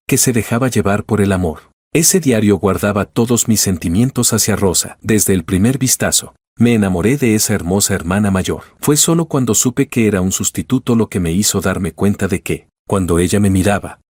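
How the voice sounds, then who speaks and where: A man narrating a first-person romance story in an even, measured, scripted delivery, with a husky voice. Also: fairly low pitch, no echo, studio quality.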